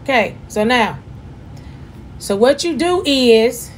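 A woman, chatting loudly and jokingly as she gives a casual demonstration at home. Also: fairly high pitch, takes it slowly, a little hiss or hum. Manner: chatty, joking, loud and animated. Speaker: vlogger giving a demonstration.

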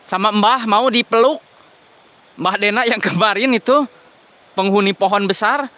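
A man with a Sundanese accent and a high, bright voice hosts a ghost-hunting vlog at night in the woods. He is excitable and jokey and bursts into curses and prayers whenever something startles him. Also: measured pace. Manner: excitable, jokey, swears and prays when startled.

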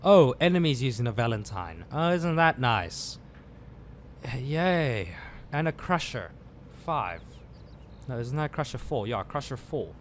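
A man's voice: medium pitch, very animated, measured pace, a little hiss or hum. A man from South Africa giving casual live commentary while playing a video game, muttering his reactions as he plays. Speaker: gaming channel host.

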